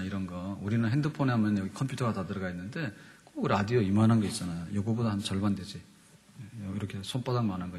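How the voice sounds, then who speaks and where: A man giving a conversational sermon as pastor, asking his listeners questions and answering them himself. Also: lowish voice. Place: church sanctuary. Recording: long reverb of a church hall.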